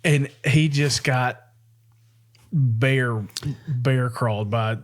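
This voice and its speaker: A man's voice: medium pitch, drawn-out words. A young man, co-hosting a podcast in casual, rambling chat and laughing often. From American South. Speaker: podcast co-host.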